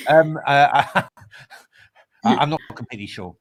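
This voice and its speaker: A man commentating live on a chess game in a casual way, hesitating with lots of fillers and restarts. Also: a little high.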